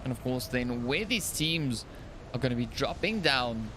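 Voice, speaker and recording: An African esports caster covers a mobile battle royale tournament by himself on a live stream, his medium-pitched voice animated and unhurried over background noise. He's chatty and rambling, full of fillers, and laughs at his own slips.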